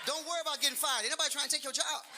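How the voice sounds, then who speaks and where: A man in his late fifties works a comedy stage, loud and animated, firing off punchlines twice and talking straight to the crowd. His voice sits unusually high for a man. The live recording carries clear audience noise behind him. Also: very fast. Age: 50s. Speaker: stand-up comedian. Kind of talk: stand-up comedy.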